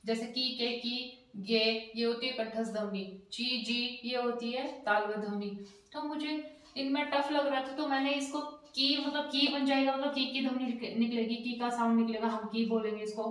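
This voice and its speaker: A woman teaching a casual spoken language lesson, spelling out letters slowly and repeating each word. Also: a little high, recorded from a distance. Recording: echoey room, voice a bit off-mic.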